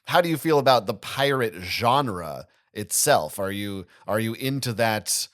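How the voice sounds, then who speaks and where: A man's voice: lowish voice, lively intonation, measured pace, fairly bright tone. A man co-hosting a gaming podcast, chatty and playful, teasing his co-host as he goes. He reads a scripted intro, then shifts into loose, joking banter. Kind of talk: scripted narration then casual chat.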